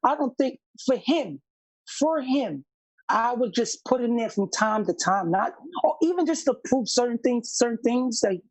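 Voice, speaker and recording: Male podcast panelist, husky and dry-sounding, insistent, repetitive phrasing, casual sports argument. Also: extremely high pitch, animated, no echo, rough recording. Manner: halting, repeats words, insistent.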